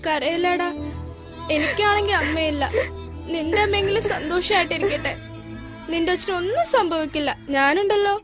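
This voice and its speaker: An earnest ten-year-old boy with a very high voice. He speaks kindly and simply to a friend. Loud film music fills the background. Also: normal speed. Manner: childlike, earnest. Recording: film dub with music behind.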